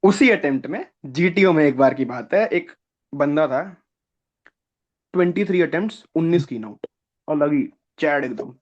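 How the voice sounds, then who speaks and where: Young man, high voice, animated storyteller, acts out voices, slightly dull lo-fi sound. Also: moderate pace. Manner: lively, acts out other people's lines, laughs often. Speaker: guest, defence-services aspirant.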